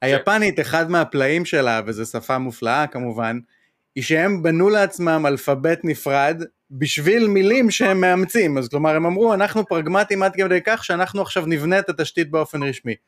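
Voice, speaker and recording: Slightly high-voiced man in discussion. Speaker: panel speaker. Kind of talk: casual discussion.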